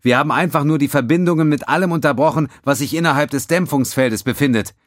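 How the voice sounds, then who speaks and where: A man's voice: fairly high pitch, fast, no room sound, clean studio sound, voice pushed up, lightly acted. A man voicing a polite, cheerful female alien ensign. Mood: dutiful.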